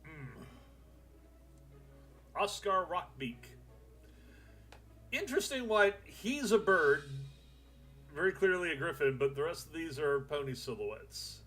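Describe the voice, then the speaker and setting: A man's voice: on the high side, lively intonation, takes it slowly, pauses often, pushed and bright, faint music behind. Young man rambling over a strategy game. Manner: thinking aloud, rambling, swears casually. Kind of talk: casual gameplay commentary.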